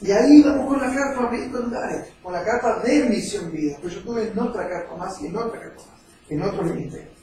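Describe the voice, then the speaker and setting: A man's voice: sits high, fast talker, mellow, a little hiss or hum. A man, an evangelist preaching a sermon and telling his own testimony with emotion. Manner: emotional storytelling preacher, acting out quoted voices. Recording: echoey far-off mic with faint music.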